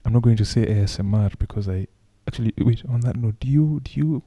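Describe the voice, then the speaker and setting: A man co-hosting a podcast in casual chat, putting on a hushed, low late-night voice in a playful way. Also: quick pace. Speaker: podcast co-host.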